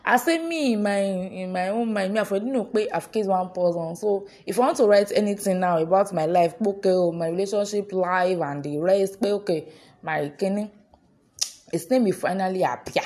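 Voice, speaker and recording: A woman's voice: medium pitch, moderate pace, darkish tone. A young woman with a Nigerian accent, telling a personal story to her viewers in a chatty, giggly way with local slang. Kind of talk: casual storytelling vlog.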